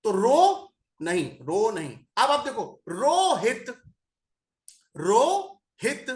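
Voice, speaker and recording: A man's voice: sits high, sing-song, slow, a little mellow, echoey room. A man teaching numerology, who repeats single syllables again and again and stretches them out for emphasis. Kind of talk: explanatory lesson.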